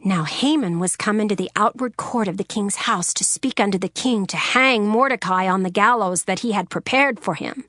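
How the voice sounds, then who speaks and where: A woman's voice: mid-range voice, moderate pace, hardly any pauses, fairly bright tone, dry recording, clean studio sound. A woman narrating a dramatized Bible story in formal, archaic English, as a scripted reading.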